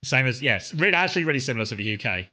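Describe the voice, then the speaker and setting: A man's voice: mid-range voice, lively intonation, very fast, pushed and bright. A man from Kent with a mild southern English accent, chatting casually and telling rambling anecdotes as a streamer talking to viewers. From Kent, south-east England. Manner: rambling, conversational.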